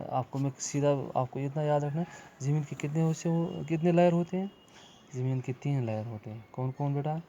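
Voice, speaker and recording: A middle-aged man teaching children a lesson, repeating key words and coaxing his pupils, reading textbook lines slowly before explaining them. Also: medium pitch, mellow, lo-fi sound, a little hiss or hum. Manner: repetitive, coaxing, calls pupils "beta". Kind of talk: classroom lesson for children, Urdu mixed with English.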